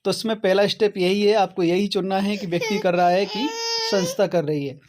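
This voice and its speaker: A high-pitched man with a steady tone talks a little fast, with background noise audible. He hosts an online how-to channel, giving viewers step-by-step explanations and often adding "okay" to check they understand.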